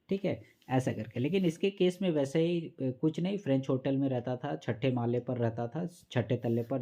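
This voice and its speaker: Mellow male teacher. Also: medium pitch. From Jharkhand or Bihar, India. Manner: patient, repetitive explaining, reads lines slowly then paraphrases. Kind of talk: exam-prep literature lesson.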